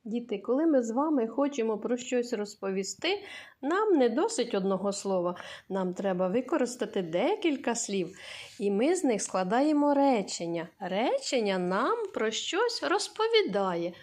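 Speaking with a rather high, very lively, and slightly mellow voice, a female teacher runs an early-years reading lesson. She asks small children easy questions in a slow, singsong manner and supplies the answers on her own.

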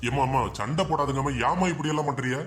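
A man's voice: medium pitch, steady tone, very fast, fairly bright tone, close to an everyday voice. A man voicing an anxious young husband in a cartoon, pleading and placating. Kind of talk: cartoon voice acting.

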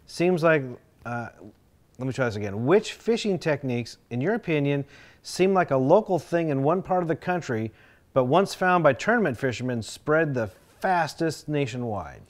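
A man's voice: a little high, lively intonation, moderate pace. A man interviewing a guest in a living room, reading out viewer questions with easy encouragement.

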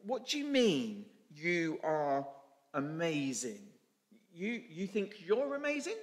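A group of wise, learned donkeys patiently setting their friend straight, as a preacher puts them on. The voice rises fairly high and moves about a great deal, with the long echo of a church hall. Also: male voice, wildly swooping pitch, takes it slowly, full character voice. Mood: amazed. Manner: gently correcting, explaining.

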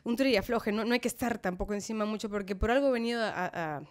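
A woman with a Peruvian Spanish accent, an actress telling anecdotes as a podcast guest in an animated, laughing way. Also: medium pitch, quick pace. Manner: animated, laughing storyteller who acts out quotes. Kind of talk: casual storytelling interview.

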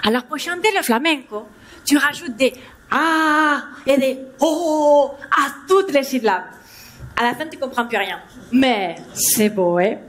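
High-voiced woman with a Spanish accent. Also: lively intonation, unhurried, a bit bright. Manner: playing a bubbly Spanish language teacher, mixing Spanish into French. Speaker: stand-up comedian. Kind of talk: stand-up comedy routine. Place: theater stage before a live audience.

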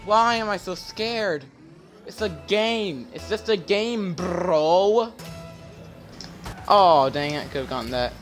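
Young man, excitable gameplay commentary, slow drawl between shouts, faint game music. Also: sits high. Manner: excitable, shouts and yelps at plays. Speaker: gamer.

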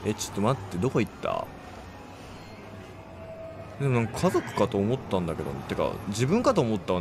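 A man casually commentating his playthrough of a horror game, chatty and quick to react with exclamations. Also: a little high, a bit bright, slight background noise.

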